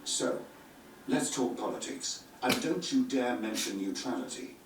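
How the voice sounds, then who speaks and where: In echoey, distant game audio with music and a noisy background, an actor voices a crude, commanding middle-aged king barking orders in a cutscene. The voice is mid-range, expressive, a little slow and close to everyday speech, the manner brusque, coarse and domineering.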